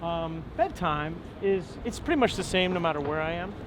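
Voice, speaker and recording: An opera tenor from Long Island, New York, in his forties, chats during a casual walking interview on a city street. His fairly high voice moves at normal speed, relaxed and thoughtful, full of ums and restarts as he thinks aloud. Traffic and street noise come through clearly behind him.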